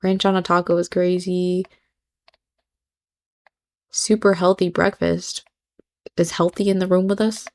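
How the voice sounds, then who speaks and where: Woman host, low and fry-heavy, sarcastic and judgmental in her reactions. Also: flat delivery, measured pace, pauses often. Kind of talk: reaction commentary.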